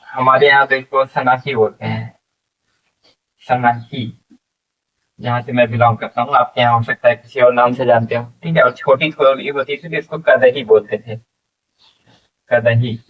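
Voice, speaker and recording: A man teaching an English vocabulary lesson, explaining slowly and repeating each word, asking questions and answering them himself. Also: mid-range voice, distant mic, lo-fi sound.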